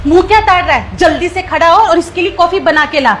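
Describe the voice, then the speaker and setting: A woman's voice: very high voice, a little fast, a bit bright, faint music behind. A woman playing a cruel, scornful wife who taunts her husband, in melodramatic short-video acting. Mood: taunting. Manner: taunting, mocking.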